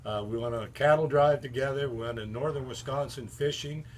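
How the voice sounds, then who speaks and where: An older man tells stories about an old friend in a casual, folksy way. His tales ramble along with plenty of fillers and asides, and his voice sits at an ordinary middle pitch. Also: a little fast, slight background noise. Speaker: friend giving a book endorsement. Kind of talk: casual storytelling.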